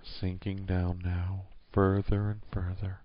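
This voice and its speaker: A man speaks right in the listener's ear in a hushed, soothing yet commanding hypnosis narration, slipping toward a whisper at times, on a dull close-miked recording. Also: low voice, flat delivery, slow, dry recording. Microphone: close microphone, dry.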